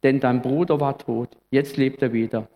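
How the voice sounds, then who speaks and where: This is a tender father pleading with his son, read out by a preacher. He talks in a soft, coaxing voice at a middle pitch. A long reverb hangs behind him. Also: fairly even intonation, normal speed, natural voice. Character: gentle pleading father, older man.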